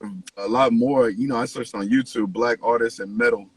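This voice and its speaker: A man hosting a podcast in a casual, slangy, profanity-laced chat, with a husky voice. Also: medium pitch, steady tone, normal speed, poor audio. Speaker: podcast host, interviewer.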